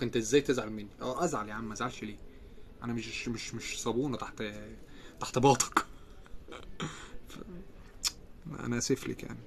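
A man's voice: medium pitch, creaky, a little hiss or hum. A man with an Egyptian accent hosting a live stream, chatting casually as he reads out viewer comments and answers them. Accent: Egyptian Arabic.

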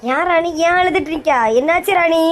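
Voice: very high voice, slight background noise. A performer playing a brash, hot-headed young husband with a Kanyakumari Tamil accent in a comedy skit. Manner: brash, quick-talking.

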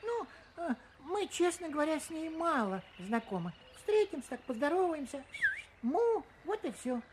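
A tiny chatty boy grasshopper for a kids audio tale, high voice, really swoopy and excitable. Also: moderate pace, slight background noise. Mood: chatty, recounting. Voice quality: high-pitched, small voice. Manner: excitable, hesitant, rambling. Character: Kuzya, chatty little male grasshopper, eager storyteller. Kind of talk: children's audio story acting.

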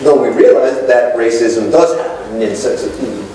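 Echoey middle-aged preacher at the pulpit. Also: male voice, mid-range voice, fairly even intonation, normal speed, warm tone. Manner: preacher calling out to the congregation, gesturing. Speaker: pastor. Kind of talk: sermon. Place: church sanctuary with congregation. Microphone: pulpit microphone, filmed from far back. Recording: echoey church from a distance.

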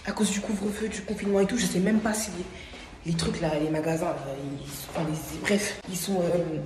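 A woman's voice: lowish voice, fairly even intonation, normal speed, background noise. A young woman chatting to her phone camera in a rambling vlog, full of fillers. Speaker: vlogger. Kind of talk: casual chat to camera. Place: at home, late at night.

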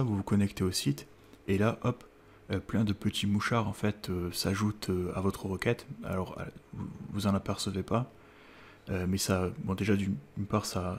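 Hesitant low-voiced French man. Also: a little mellow, slight background noise. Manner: hesitant, many "euh" fillers and repeated words. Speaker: tech tutorial host. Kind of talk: casual screen-recorded tutorial.

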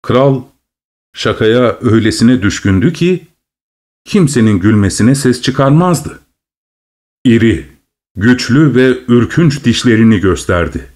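Slow, expressive male storyteller. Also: mid-range voice. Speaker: voice actor narrating an audiobook. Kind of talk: scripted audiobook narration.

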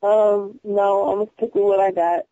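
A woman's voice: mid-range voice, flat delivery, moderate pace, warm tone, dry recording. A woman chatting casually on the phone as a contestant. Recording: dull lo-fi phone call.

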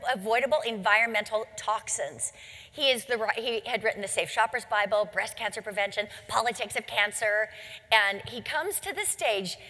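Woman, founder giving a motivational talk, bright and forceful, slightly high voice, hall reverb. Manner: emphatic storytelling, rhetorical questions. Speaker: company founder speaking to distributors.

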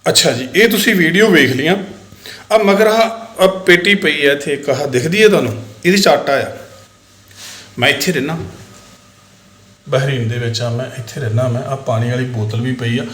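A man's voice: medium pitch, normal speed, a bit bright, roomy sound. A man giving casual commentary on viral videos to his viewers, talking straight to them and repeating his points. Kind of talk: casual Punjabi commentary vlog. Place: indoor room in Bahrain.

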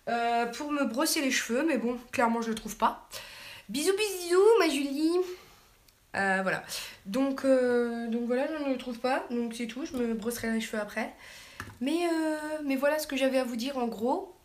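At home at night, a high-voiced woman YouTuber hosts a casual live Q&A, reading comments aloud through her home camera mic. She's chatty and halting, uses lots of fillers, and is affectionate with her viewers.

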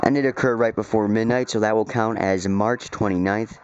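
A man with a lowish voice speaks at a normal pace in a steady tone, irritably tossing off casual commentary and swearing freely at his viewers. He's a hobbyist who records weather radio alerts, sitting behind a handheld camera at a computer in a dark indoor room. The camera audio is muffled, lo-fi and noisy.

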